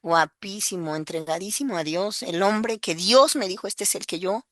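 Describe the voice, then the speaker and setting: Mexican lady telling her testimony, earnest, lots of "este", mid pitch, dry close sound. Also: moderate pace, no room sound. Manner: earnest, breaks into acted quotes, many fillers. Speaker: guest giving a testimony. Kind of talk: emotional personal testimony.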